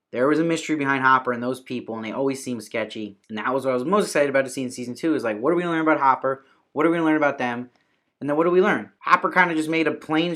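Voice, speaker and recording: A man's voice: medium pitch, fairly bright tone. Guy doing a casual tv review, opinionated, lots of kinda and like, quotes people in little asides. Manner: opinionated, conversational, frequent fillers like "kinda" and "like"; mimics imagined viewers in quoted asides. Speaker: TV review host.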